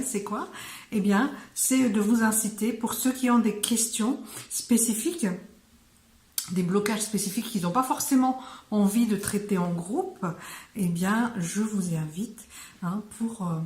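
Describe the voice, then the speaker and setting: A woman teaching phrases in French in a casual online lesson, speaking slowly with many hesitations and fillers. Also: mid-range voice, echoey room. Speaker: Malagasy language teacher.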